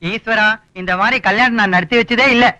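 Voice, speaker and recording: An actor playing a fussy wedding priest in a comic film, chanting in a sing-song way. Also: male voice, high-pitched, brisk. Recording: loud wedding music over the voice. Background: music.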